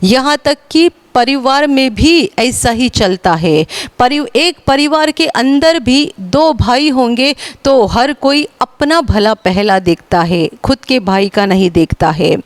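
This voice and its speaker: A woman from India preaching a sermon in an earnest, repeating way, lifting her voice for emphasis. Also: no echo. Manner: earnest, repetitive, rises in pitch for emphasis. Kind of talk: Hindi sermon.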